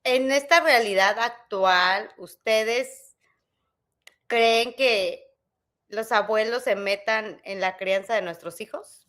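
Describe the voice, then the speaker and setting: A woman's voice: fairly high pitch, slow, a bit bright. A woman co-hosting a podcast, chatting casually and animatedly, laughing often and acting out voices as she tells stories. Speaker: podcast co-host. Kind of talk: casual storytelling chat.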